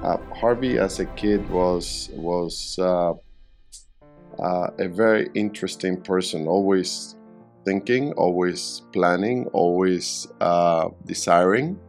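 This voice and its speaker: A middle-aged man from Venezuela answering interview questions in a halting way, often repeating words while he searches for them. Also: low voice, faint music behind. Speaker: real estate developer, guest.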